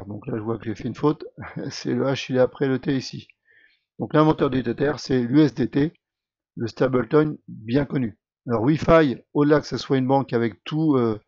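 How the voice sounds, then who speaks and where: A man of middle pitch explains a product in a casual, conversational walkthrough, often stopping on filler sounds as he gathers his thoughts. The recording is dry and close, with a dull, somewhat lo-fi tone. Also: darkish tone, no room sound. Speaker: video creator presenting a crypto product. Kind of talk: explanatory screen-share walkthrough.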